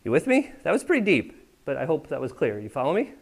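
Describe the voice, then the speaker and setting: An American pastor preaches in a church sanctuary, talking conversationally with the congregation and often checking they're following along. His voice is on the high side, fast, with wildly swooping pitch and vocal fry.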